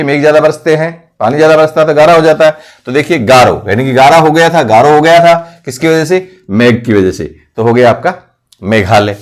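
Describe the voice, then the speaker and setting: A male coaching teacher explaining memory tricks for exam facts. He keeps asking questions and answering them himself, repeating key words. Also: medium pitch. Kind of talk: mnemonic lesson for competitive exams.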